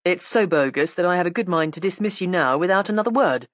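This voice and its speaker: A woman's voice: lowish voice, animated, fast talker, no room sound, lightly acted. A woman reading an audiobook, voicing a stern male police inspector who speaks in a cool, clipped, ironic way. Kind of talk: audiobook character voice.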